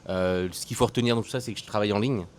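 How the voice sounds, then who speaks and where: A man's voice: fairly low pitch, racing, a little mellow, a little hiss or hum. A man in his thirties from France, a guest speaking frankly and conversationally with many hesitations. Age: 30s. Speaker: guest, entrepreneur. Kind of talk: casual interview.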